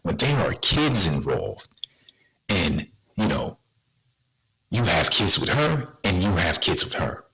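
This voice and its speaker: A man's voice: deep voice, big pitch swings, slow pace, vocal fry, sharp tone, breathy edge, rough recording. A man hosting a podcast, talking casually and bluntly to his viewers, full of rhetorical questions and slang. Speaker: podcast host.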